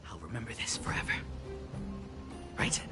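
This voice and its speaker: A woman's voice: lowish voice, very animated, a little slow, music in the background. An actress playing a thankful young woman in a game, speaking effusively. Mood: grateful.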